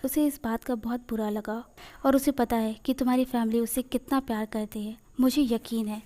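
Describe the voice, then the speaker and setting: A woman voicing a scheming, jealous young man who quietly poisons a friend's mind, read in a storybook manner. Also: a little high, steady tone, normal speed, close to an everyday voice.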